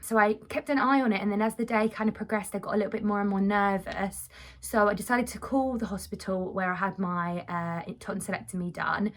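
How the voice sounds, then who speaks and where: A woman's voice: medium pitch, brisk. A woman vlogger recounting her experience in a casual chat to camera.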